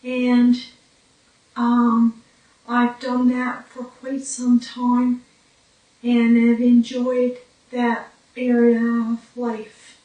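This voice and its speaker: Woman in her forties, documentary interviewee, slightly high, flat delivery, recorded in a very echoey room. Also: far from the mic. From Newfoundland, Canada. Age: 40s. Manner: slow, halting, with pauses and fillers. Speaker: brain injury survivor telling her story.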